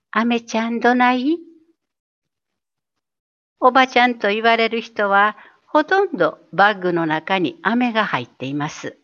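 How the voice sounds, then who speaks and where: A woman giving a gentle, unhurried scripted essay reading that acts out dialect phrases. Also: medium pitch, muffled recording.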